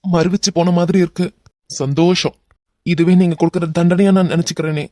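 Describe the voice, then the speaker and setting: Man doing a cowardly young crook, Kanyakumari Tamil accent, whimpering, pleading, a bit higher, cartoon. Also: steady tone, brisk, dark tone, dry recording, clean studio sound, close to an everyday voice. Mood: begging. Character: cowardly young male crook begging for mercy.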